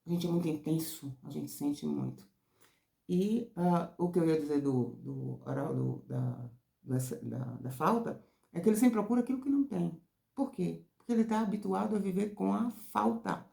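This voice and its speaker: Terapeuta brasileira de voz rouca e grave. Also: female voice, normal speed, gravelly. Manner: expressive, rises high and loud when excited. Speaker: therapist. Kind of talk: casual teaching talk. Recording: roomy echo.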